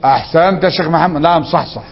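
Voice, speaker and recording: Man, Egyptian accent, grammar teacher, quizzing students, slightly high voice, muffled sound. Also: fast, slightly rough, big-room sound. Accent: Egyptian Arabic. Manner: quizzing, prompting students with rising questions. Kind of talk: classroom lesson with questions to students.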